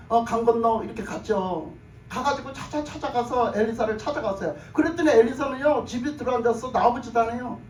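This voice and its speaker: A man's voice: extremely high pitch, slight background noise. A man preaching a sermon, retelling a story and acting out its characters' lines, repeating phrases for emphasis. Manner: acts out characters' speech in the story. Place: church sanctuary. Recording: echoey room, mic at a distance.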